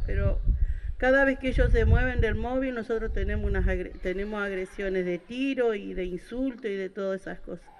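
High-voiced man giving earnest testimony. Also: background noise. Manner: earnest, halting, with restarts. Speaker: parent of victims speaking at a public gathering. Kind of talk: testimony at a public event.

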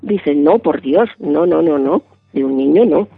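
A man with a high, gravelly voice and a breathy edge, speaking. He tells his story vividly as a radio interview guest and acts out what each person said. The sound is thin, dry and phone-like. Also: lively intonation, unhurried, dry recording. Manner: vivid, acts out quoted dialogue. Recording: band-limited dry phone-like line.

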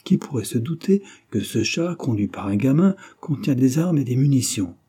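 A man's voice: medium pitch, very animated, normal speed, mellow, slightly rough, voice pushed up. A man doing a bold cheerful teenage boy. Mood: brave. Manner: confident, lighthearted.

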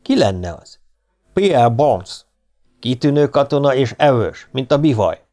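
Egy férfi által hangolt udvarias, elszánt márki-légionárius. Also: male voice, medium pitch, animated, mellow, faint music behind, pitched above the performer's own voice, close to an everyday voice. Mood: earnest. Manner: polite, earnest, eager. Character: determined young aristocratic male legionnaire. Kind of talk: audiobook character voice.

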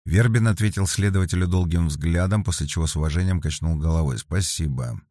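A man narrating an audiobook in an even, storytelling manner. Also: deep voice, quick pace, no room sound, clean studio sound. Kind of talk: scripted narration.

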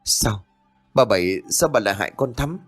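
A man voicing a frantic, worried middle-aged mother who pleads in a raised, shrill voice. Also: lively intonation, normal speed, fairly bright tone, breathy edge, faint music behind. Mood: distraught.

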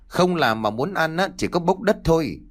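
A man playing a stern middle-aged village father who scolds gruffly in a low voice. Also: expressive, moderate pace. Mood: gruff scolding.

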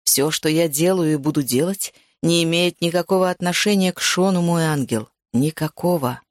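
A woman reading an audiobook voices a remorseful young man who speaks low, slowly and softly as he apologizes. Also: no room sound, clean studio sound, natural voice. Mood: remorseful, soothing. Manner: low, slow, murmured apologies.

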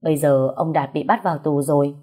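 Female reader doing a rough, blunt young guy who jokes crudely, low husky voice. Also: fairly even intonation, fairly quick, mellow. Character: blunt joking young man, rough friend.

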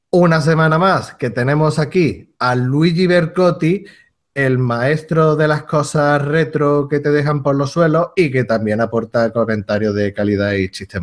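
A man hosting a film podcast in a casual presenting style. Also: mid-range voice. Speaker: podcast host.

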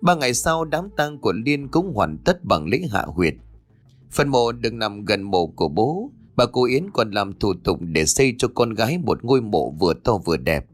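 Expressive man narrating a ghost story. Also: fairly low pitch, moderate pace, no room sound. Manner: expressive, dramatic. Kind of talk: audiobook horror story narration. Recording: dry close voice with faint music.

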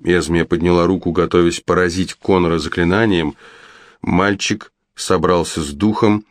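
A man narrating an audiobook in steady scripted storytelling. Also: low-pitched, moderate pace, dry recording, clean studio sound.

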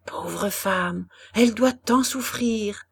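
A woman's voice: medium pitch, slow, vocal fry, husky, full character voice. A woman reading the part of a tender, sensitive young wife in a storybook, speaking in a pleading way. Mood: sorrowful.

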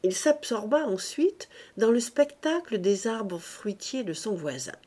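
A woman reading a classic novel aloud as an audiobook narrator, measured and unhurried, lifting her voice for the characters' lines. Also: big pitch swings, dark tone. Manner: measured, voices characters with raised pitch and volume. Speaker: audiobook reader.

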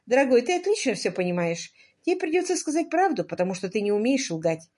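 A woman's voice: on the high side, big pitch swings, quick pace, darkish tone, pitched above the performer's own voice. A woman voicing a spirited, teasing young woman. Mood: insistent. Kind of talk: audiobook character voice.

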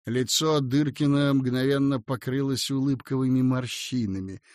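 A man narrating a classic story aloud with a theatrical, expressive reading. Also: mid-range voice, moderate pace, no room sound, clean studio sound.

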